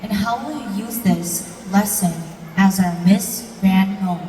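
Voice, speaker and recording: A woman's voice: medium pitch, a little slow, far from the mic, slight background noise. Woman pageant announcer in a big echoey hall. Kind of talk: formal stage announcing. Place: large event hall with crowd. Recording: echoey hall from afar, loud music and crowd.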